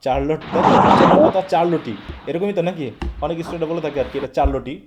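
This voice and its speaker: A man's voice: on the high side, very fast, very noisy. A man from Bangladesh teaching a live online English class, often checking that students follow. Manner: asks questions and checks understanding.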